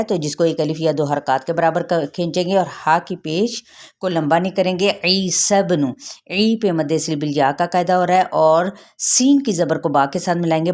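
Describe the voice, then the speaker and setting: Low-voiced woman teaching tajweed. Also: a little mellow. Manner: patient, repeats rules, checks with "theek hai". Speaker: Quran recitation teacher. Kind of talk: tajweed lesson, explaining rules then reciting slowly.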